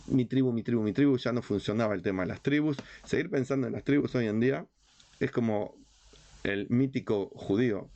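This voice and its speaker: In a muffled recording, a Rioplatense-accented Uruguayan rabbi gives an emphatic, teacherly talk on religious history, repeating himself and posing rhetorical questions. His voice is fairly low and a little mellow.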